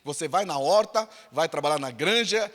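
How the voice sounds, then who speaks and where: Brazilian male pastor, high bright voice, emphatic sermon delivery, echoing church hall. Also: expressive, moderate pace. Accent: Brazilian Portuguese. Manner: emphatic, repetitive preaching delivery. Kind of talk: sermon with storytelling. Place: church sanctuary.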